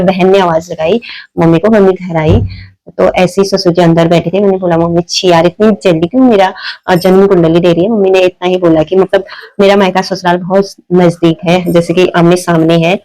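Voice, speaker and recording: A woman's voice: fairly low pitch, a little mellow, rough recording. A woman in her thirties, sitting at home and speaking to a propped-up phone, telling a long personal story in a casual, rambling way with many fillers and restarts. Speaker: vlogger. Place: at home, seated. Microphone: phone propped in front of her.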